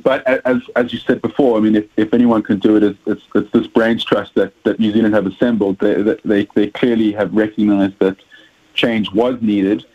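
A South African rugby journalist answers interview questions in a lowish, steady voice at normal speed, hesitating often and repeating words. He's on a phone, and the line sounds tinny.

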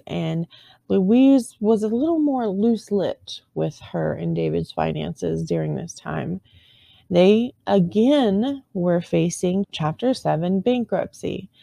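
A woman with a low, gravelly voice tells a true crime story in a loose, conversational way, breaking off for wry asides and correcting herself as she goes. Her tone is dark and mellow, and the recording is close and dry with no room sound. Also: slow, no room sound.

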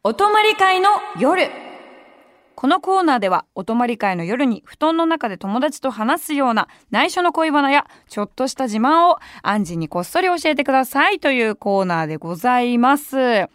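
A woman's voice: a little high, very animated, a little fast, few pauses, no room sound. A young adult woman hosting a radio show, telling a story in a chatty way with wry asides from a studio microphone. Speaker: radio host. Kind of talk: casual radio talk.

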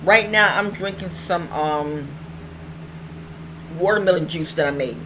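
A woman's voice: lowish voice, measured pace. A middle-aged woman with toothless, slightly slurred speech, chatting casually and ramblingly as she hosts her own online show, often repeating phrases for emphasis. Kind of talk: casual vlog chat. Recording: clearly noisy home recording.

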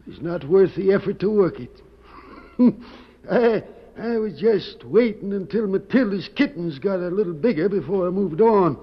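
High, raspy old prospector. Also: male voice, lively intonation, moderate pace. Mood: folksy, explaining. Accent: American. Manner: folksy old prospector drawl. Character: harmless, excitable old male prospector, folksy. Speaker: actor in a western radio drama. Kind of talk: old-time radio western acting. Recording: muffled old radio recording.

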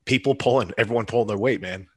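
A man who runs competitions, chatting fast and getting fired up and preachy about his mission. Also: fairly low pitch, husky. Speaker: competition promoter. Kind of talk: casual chat.

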